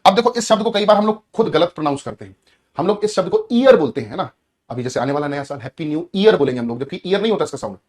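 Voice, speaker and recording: A man teaching a grammar class to students. He explains patiently, often asks the class questions, and. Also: a little high. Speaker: English teacher.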